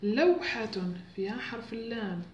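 A woman, patiently teaching first-grade letters and sounding out syllables slowly. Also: a little high, expressive, darkish tone, reverberant, highs cut off, a little hiss or hum. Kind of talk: home lesson on Arabic letters for parents.

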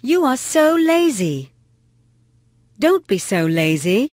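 Very slow, deliberate woman reading phrases. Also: high voice, sing-song, a little mellow, no room sound, clean studio sound. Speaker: English phrase reader.

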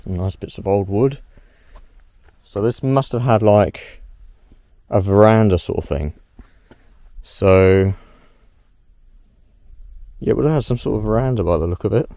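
A man's voice: on the low side, a little slow, pauses often, warm tone, no room sound. A man walking through a ruined house outdoors and musing aloud about what he finds. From Australia. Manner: curious, musing aloud, thinking on his feet. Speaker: exploration vlogger. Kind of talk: casual walkthrough narration.

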